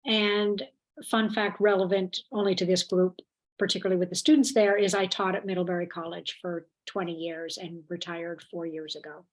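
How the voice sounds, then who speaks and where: A woman's voice: on the low side, flat delivery, normal speed. A woman in her sixties, a retired teacher representing a town commission, speaking cheerfully.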